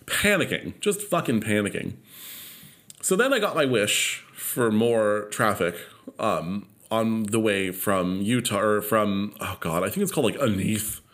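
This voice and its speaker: A man from California telling a road trip story in casual, profane, animated chat. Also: lowish voice, measured pace.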